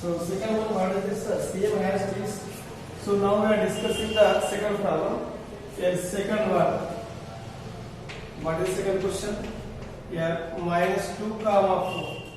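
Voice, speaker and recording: A man's voice: sits high, fairly even intonation, a little slow, long pauses. A man with an Indian accent teaching maths, dictating step by step with repetition and short prompting questions. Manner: repetitive step-by-step dictating, stretching key phrases; prompts listeners with questions ending in "sir". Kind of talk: classroom maths lesson. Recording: very echoey room, distant mic, faint noise.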